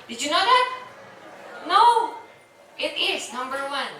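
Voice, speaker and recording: A woman in her forties with a Filipino accent gives a teasing, chatty live product presentation, keeping the audience responding to her questions. Her high voice swings widely in pitch, sounding pushed and bright at a slow pace. She's distant in an echoey hall, with faint ambience and slight hiss or hum.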